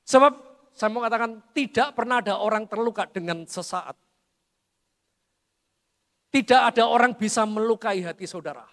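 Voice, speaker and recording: A man's voice: high voice, moderate pace, pauses often, a bit bright. A middle-aged man, preaching a sermon to his congregation and telling family stories with humor. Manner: addresses the congregation as "saudara", storytelling with humor. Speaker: pastor. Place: large church hall. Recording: long church hall reverb.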